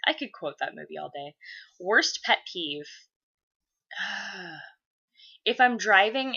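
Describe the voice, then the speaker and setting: A woman's voice: on the low side, bright, forceful tone, lo-fi sound. A woman in her twenties chatting casually, blunt and swearing freely as she gets worked up. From USA. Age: 20s. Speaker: vlogger. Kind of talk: casual chat.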